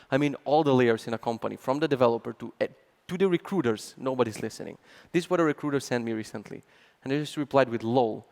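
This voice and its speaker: A man giving a conference talk, sarcastic and animated, acting out mock quotes as he tells stories. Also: mid-range voice, in a large hall. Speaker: conference speaker. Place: large conference hall.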